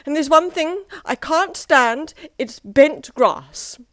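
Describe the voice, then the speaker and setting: Woman putting on a fussy little storybook man, prim and prissy, high squeaky voice, very emphatic. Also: lively intonation, takes it slowly, fairly bright tone, full character voice. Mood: prissy indignant.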